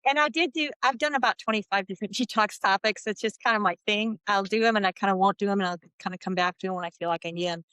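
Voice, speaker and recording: A middle-aged woman from the US West Coast, a podcast guest telling a heartfelt personal faith story and slowing down for emphasis. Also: mid-range voice, a bit bright, clear, resonant tone, dry recording. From Santa Barbara, US.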